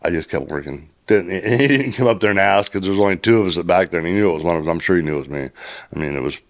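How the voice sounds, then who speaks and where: A man's voice: deep voice, animated, racing. A former railroad track worker telling a story casually, swearing often, laughing and restarting his sentences. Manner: profane, laughing, rambling with restarts.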